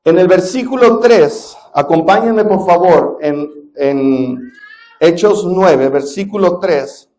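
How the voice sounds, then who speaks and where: A man serves as pastor, preaching a sermon in church with a high, slow voice. He swings from loud emphasis to hushed drops and puts questions to the congregation.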